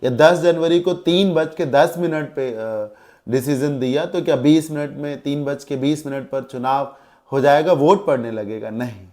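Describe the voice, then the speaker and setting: A man's voice: a little high, unhurried, darkish tone. A male English teacher with an Indian accent, lecturing a class, explaining with everyday examples and repeating key words.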